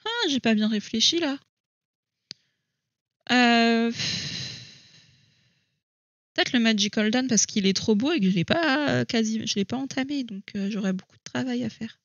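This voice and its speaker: A woman's voice: fairly high pitch, animated, normal speed, long pauses, no echo, dull audio. A woman chatting casually to camera at home about her coloring books, thinking aloud and hesitating with many fillers. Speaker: coloring hobby vlogger.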